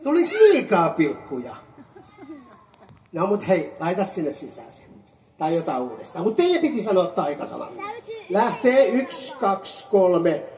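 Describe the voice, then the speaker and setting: Staging a magic show for children in an amusement park show area, a woman playfully teases her young helpers and calls out the magic words in high, animated bursts. The audio has a roomy, far-off quality and faint ambient noise.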